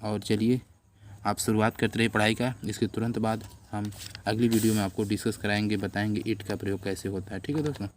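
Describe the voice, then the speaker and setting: Casting note: middle-aged male tutor, low steady voice, patient, spells words out letter by letter for students to write down. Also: a little fast, a little hiss or hum. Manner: addresses viewers as friends, patient. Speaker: English teacher. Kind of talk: classroom-style lesson, slow dictation. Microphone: camera on a notebook while writing.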